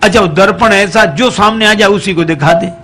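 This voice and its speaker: A man's voice: sits high, moderate pace, bright, forceful tone. A man preaching a devotional sermon, telling a folk story folksily and breaking into sung verses.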